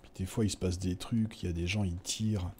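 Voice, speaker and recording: A man's voice: sits low, fairly even intonation, fairly quick, dark tone, a little hiss or hum, close to an everyday voice. A man playing a weary, crude man who lives on the street, talking bluntly and rambling in casual role-play.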